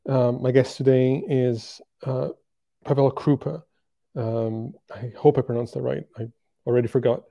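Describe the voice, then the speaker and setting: A man's voice: medium pitch, flat delivery, gravelly, warm tone. A man hosting an online interview podcast, talking casually with many ums and uhs. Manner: halting, filler-heavy, friendly. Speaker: podcast host.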